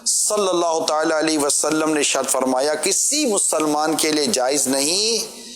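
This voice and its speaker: A man's voice: fairly high pitch, echoey room, a loud crowd. A man preaching a sermon, earnestly pleading with rhetorical questions and short acted-out bits of family quarrels.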